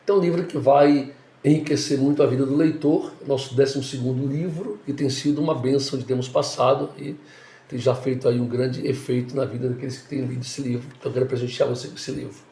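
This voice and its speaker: A man, a pastor and author who explains things in a calm, measured way as a podcast guest. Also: mid-range voice. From Salvador, Bahia, Brazil. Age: 50s. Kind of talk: guest interview. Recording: echoey room.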